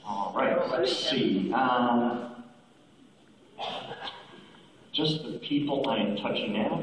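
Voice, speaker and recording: Hypnotist man in an echoey gym. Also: mid-range voice. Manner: slow, repetitive hypnotic instructions with playful shouted examples. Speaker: stage hypnotist. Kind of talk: hypnosis show suggestions. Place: school gym with a live audience. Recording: distant echoey gym recording, muffled, with a loud crowd.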